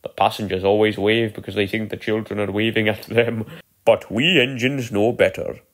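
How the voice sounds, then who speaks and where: A proud, lonely old narrow-gauge engine from a storybook, read aloud by a man. He talks earnestly and at length, fond of his old railway and a touch self-important. The voice sits only slightly above the narrator's usual low register. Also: fairly even intonation, moderate pace, lightly acted. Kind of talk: storybook character voice.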